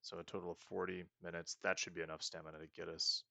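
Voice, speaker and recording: This let's-play host is a young man talking casually over a roleplaying game, reasoning aloud and laughing at his own blunders. He talks fast in a low, creaky voice with little pitch movement and a bright, forceful tone, and there's no echo.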